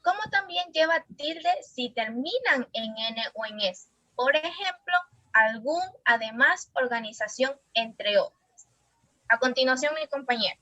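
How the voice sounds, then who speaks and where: A woman student opening and reading a class presentation, listing examples in a clear, steady way. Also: high-pitched, a little slow, no echo, lo-fi sound.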